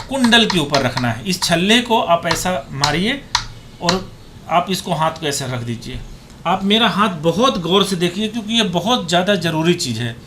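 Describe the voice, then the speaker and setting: A man with a high voice teaching the dholak in a patient, step-by-step way. He explains where each finger goes and counts the beats aloud. Faint noise sits behind him. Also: a bit bright. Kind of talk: demonstrating a music lesson. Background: dholak drumming.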